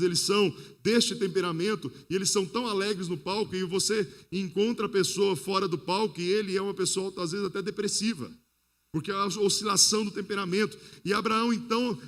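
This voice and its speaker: A Brazilian man preaches to a congregation in a fairly high voice. His sermon is lively, he speaks straight to the listeners, and he acts out the people in his stories. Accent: Brazilian Portuguese. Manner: storytelling that acts out the people it quotes. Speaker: pastor.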